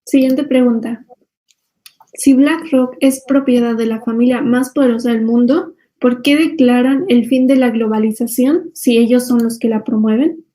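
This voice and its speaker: A woman's voice: a little high, fairly even intonation, moderate pace, mellow, low-quality recording. A woman moderating, reading out audience questions with brief, matter-of-fact prompts.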